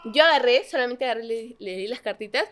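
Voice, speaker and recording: Lively young woman telling a story. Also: a little high, fast talker, very noisy. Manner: animated, laughs while telling stories, acts out dialogue. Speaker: podcast co-host. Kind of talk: casual chat, storytelling.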